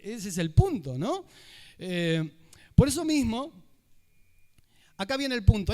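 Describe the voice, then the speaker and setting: Lively Argentine man speaking in a reverberant hall. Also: high-pitched. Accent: Argentine Spanish. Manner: animated, humorous, acts out quoted dialogue. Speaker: conference speaker. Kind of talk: live conference talk. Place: large university lecture hall.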